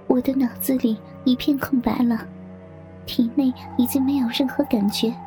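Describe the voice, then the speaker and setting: A young woman reading a story aloud in hushed, intimate whispered narration. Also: sits high, fairly even intonation, normal speed, soft background music. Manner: hushed, intimate, breathy delivery.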